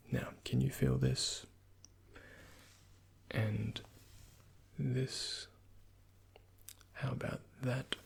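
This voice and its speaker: A man with a mid-range voice performs ASMR as a doctor, speaking to the listener as his patient. Close to the microphone, he offers gentle, polite, unhurried instructions in a breathy voice that often drops to a near-whisper.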